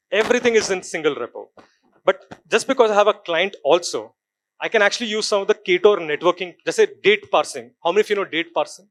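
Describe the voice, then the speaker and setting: A man with an Indian English accent delivers a technical talk from a conference stage at a rapid clip. His voice sits a little high, and he keeps quizzing the audience and mixing in Hindi. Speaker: conference speaker.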